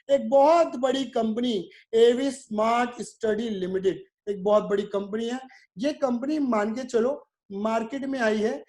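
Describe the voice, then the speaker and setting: A man's voice: extremely high pitch, darkish tone. A male commerce teacher giving a video lecture. He talks in a repetitive, drilling way, asks his students questions, answers them himself and calls them "my son".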